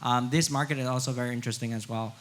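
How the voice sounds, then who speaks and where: A man from Vietnam answers on a conference panel in a flat, even tone. He talks haltingly, leaning on fillers as he goes. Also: mid-range voice, a little hiss or hum. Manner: halting, many fillers like "you know". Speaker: panelist, crypto wallet founder.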